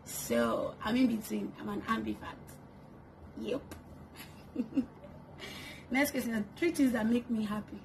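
A woman's voice: a little high, measured pace, gravelly, long pauses, darkish tone, a little hiss or hum, low-quality recording. A woman in her twenties talking playfully to the camera in a get-to-know-me vlog, laughing often, recorded in her bedroom. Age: 20s. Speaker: YouTuber. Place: bedroom, indoors. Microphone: camera on a tripod in front.

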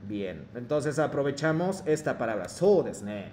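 A man teaching an online class, with halting phrasing and many fillers. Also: mid-range voice, big pitch swings, a little mellow, slight background noise. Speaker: Japanese teacher.

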